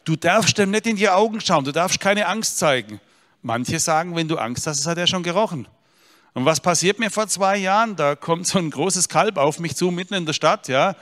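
A man with a high, expressive voice and a fairly bright tone talks at a normal speed. He is giving an inspirational talk in the form of a personal storytelling sermon, addressing listeners directly with earnest, dry humor. The recording carries a long hall reverb.

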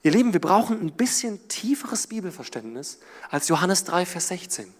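Animated high-voiced male preacher. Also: moderate pace. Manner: animated, rises and drops in volume for emphasis. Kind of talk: sermon.

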